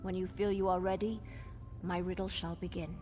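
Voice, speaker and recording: A woman's voice: fairly low pitch, flat delivery, normal speed, a little mellow, lightly acted. Woman acting an imperious ancient fantasy guardian, over music. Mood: solemn, imperious. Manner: formal, declamatory, commanding. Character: ancient female riddle-posing guardian, solemn and imperious. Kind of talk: fantasy video game acting.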